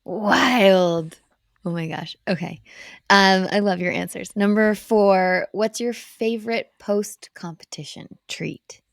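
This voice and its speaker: A woman hosting a podcast interview, giggly and quick to react to her guest. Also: medium pitch, gravelly, no room sound, clean studio sound. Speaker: podcast host. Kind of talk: casual interview chat.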